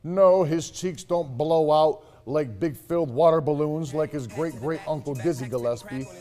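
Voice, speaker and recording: Bright-toned man doing mock-dramatic promo announcing. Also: on the high side, normal speed, soft background music. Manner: mock-dramatic, repetitive, profane. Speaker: infomercial co-host announcing a festival lineup.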